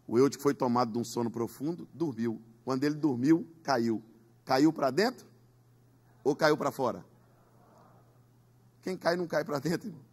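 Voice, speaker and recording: A man's voice: medium pitch, moderate pace, pauses often, a little mellow, breathy edge. A man preaching a Pentecostal sermon in a church, emphatic, with call-and-response. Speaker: pastor.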